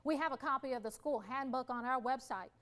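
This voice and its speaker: A woman anchoring a local evening newscast with smooth scripted delivery. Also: high voice, fairly quick, a bit bright. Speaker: news anchor.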